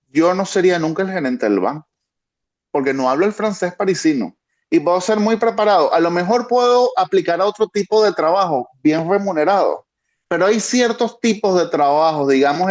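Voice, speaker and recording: A man's voice: fairly high pitch, a little mellow. A Venezuelan man with a Venezuelan Spanish accent, a guest analyst thinking aloud with frequent restarts over a video call. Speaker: guest, international security analyst. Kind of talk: conversational expert analysis.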